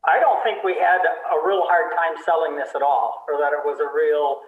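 An older man speaking as a state representative on a panel over a video call, relaxed and chuckling between points. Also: on the high side, normal speed. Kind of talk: panel discussion answer. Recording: tinny, phone-like, echoey.

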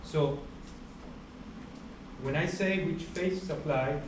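A young man giving a university lecture in a large hall, explaining steadily with many pauses and uh fillers. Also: on the high side. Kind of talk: classroom lecture. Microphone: far camera at the back of the room. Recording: echoey hall recorded from far off, background hiss.

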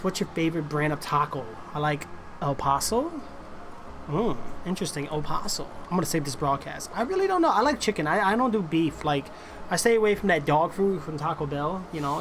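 Brisk and lively in intonation, this man's slightly high voice comes through with some background noise. He's a thirtysomething gamer bro casually chatting with live-stream viewers in slang, at an indoor streaming setup with music playing behind him.

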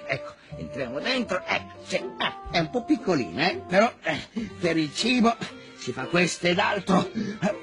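An actor playing a hungry, scheming wolf in a children's TV fantasy, grandiose, self-pitying and full of exclamations. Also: male voice, high voice, sing-song, moderate pace, music in the background. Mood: sneaky. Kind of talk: theatrical children's television acting. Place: indoor television studio set.

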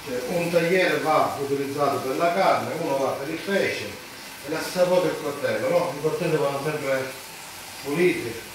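A man in his forties talks through a recipe in a very echoey kitchen, a little away from the mic. He speaks haltingly and casually, repeating himself, with clear sizzling noise behind him. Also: a little high, distant mic. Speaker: home cook presenting a recipe. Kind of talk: casual cooking demonstration. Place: home kitchen, indoors. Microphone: phone held by someone a few steps away.

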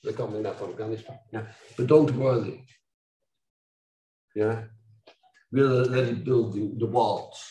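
Older lecturer from Belgium in an echoey hall. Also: male voice, lowish voice, measured pace, long pauses, distant mic. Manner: animated, ironic, mocking asides with sudden loud outbursts. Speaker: university lecturer. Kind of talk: academic lecture.

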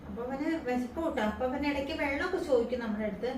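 A woman vlogging at home at night, talking through caring for a child in a soft, explaining voice that turns loud and teasing. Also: high voice, very fast, roomy sound, recorded from a distance, a little hiss or hum. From Kerala. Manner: soft-spoken explaining, then loud playful scolding. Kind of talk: casual home vlog narration.

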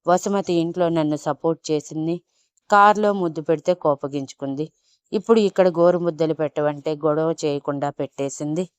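A woman voicing a young husband who gently coaxes and teases his wife in a spoken love story. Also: low-pitched, fairly quick, clean tone, dry recording, close to an everyday voice. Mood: wondering. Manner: gentle, coaxing, playful. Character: young husband, tender and teasing.

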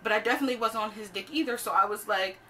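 Young woman, storytime vlogger, bright voice, animated and profane, distant mic, faint background hiss. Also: medium pitch, very fast. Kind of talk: storytime vlog.

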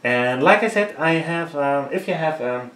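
A man in his thirties with a fairly high, bright voice and lively intonation talks at normal speed while painting. Dutch and Frisian are his first languages, so his Dutch-accented English is hesitant, loaded with fillers as he looks for words. He's hosting a casual tutorial vlog from a small, echoey home art studio.

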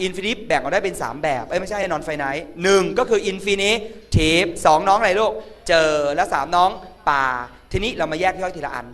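Campy male tutor, high voice, comic classroom drill style, chants vocab lists. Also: normal speed, hardly any pauses, a bit bright. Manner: flamboyant and campy, teasing students. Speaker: English tutor. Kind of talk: comedic classroom grammar lesson.

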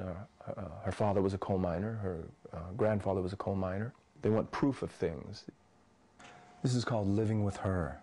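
A man in his fifties, born in Indonesia, slowly reading his poems and talking about his life in a measured, thoughtful way. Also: on the low side, gravelly, warm tone, slight background noise. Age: 50s. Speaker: poet. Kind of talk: poetry reading and personal account.

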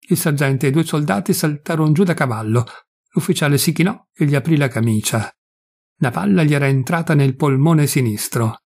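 A man reading a classic novel aloud in a measured, deliberate and solemn way. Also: fairly high pitch, darkish tone. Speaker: audiobook reader. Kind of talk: scripted narration of a classic novel.

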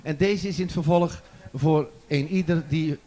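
A man's voice: on the high side, moderate pace, mellow. A man presenting a children's song contest on stage in a large festival tent, joking and teasing the audience into a handheld microphone. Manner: jokey, chatty, teasing the audience. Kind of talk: live stage hosting.

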